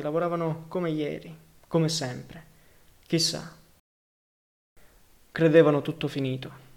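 A man reading a novel aloud as an audiobook narrator, calm, measured and quiet. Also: on the high side.

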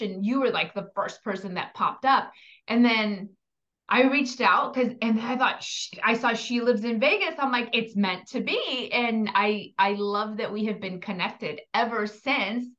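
A woman hosting a casual podcast as an empowerment coach, chatty and excited, slipping in Spanish words. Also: medium pitch, highs cut off.

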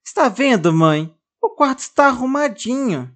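A narrator voicing a small, lively girl who bosses her dolls around, in a high, expressive child's voice. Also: moderate pace. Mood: mandona. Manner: fala aguda e expressiva de criança. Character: menina pequena, animada e mandona com os bonecos.

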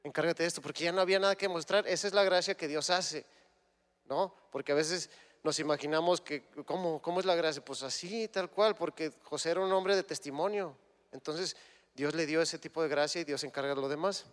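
A man's voice: a little high, fairly quick, in a large hall. A man giving a conversational sermon, retelling scripture and acting out imagined dialogue. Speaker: guest preacher.

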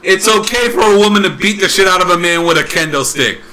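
A man co-hosting a casual wrestling podcast, excitable and swinging between mumbled asides and shouts. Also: sits high, fast talker, low-quality recording. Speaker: podcast co-host.

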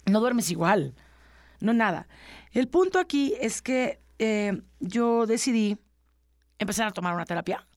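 Una mujer de mediana edad con acento mexicano cuenta su historia con intensidad y voz algo aguda. Imita con viveza los diálogos de otras personas. La grabación es seca y cercana, sin eco. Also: female voice, fairly high pitch, measured pace, no room sound, clean studio sound. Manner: earnest, animated, acts out quoted dialogue. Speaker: podcast co-host, interviewee. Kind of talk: emotional personal storytelling.

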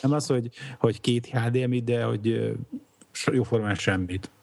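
A man's voice: medium pitch, vocal fry, darkish tone. A man hosting a casual podcast chat, rambling and searching for words with fillers as he talks. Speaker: podcast host.

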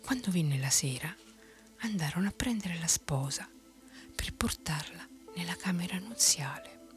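A woman telling a bedtime story in a soft unvoiced whisper. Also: lowish voice, lively intonation, a little slow, soft background music.

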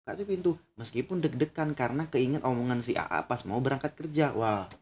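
A man's voice: mid-range voice, lively intonation, quick pace, a little mellow, slight background noise. A young man narrating a horror story in a casual way, breaking off for chatty asides and crude exclamations.

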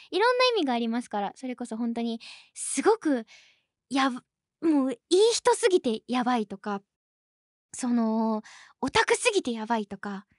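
A young woman hosts a podcast in a high, very animated voice, chatting casually and breaking into laughter often as she tells stories. The sound is dry and close, with no room around it. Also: no echo. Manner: lively and chatty. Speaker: podcast host. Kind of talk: casual chat.

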